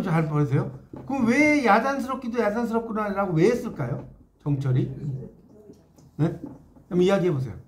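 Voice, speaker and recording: High, lively man lecturing a class. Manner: animated, questions the class often and explains line by line. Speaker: literature lecturer.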